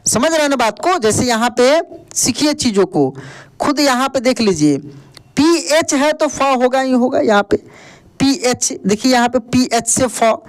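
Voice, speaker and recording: Man, high voice, video lesson teacher, spells words letter by letter, quizzes the viewer and answers himself. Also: expressive, unhurried. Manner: asks the viewer questions and answers them himself; repeats "ध्यान दीजिएगा" and calls viewers friend. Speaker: English teacher.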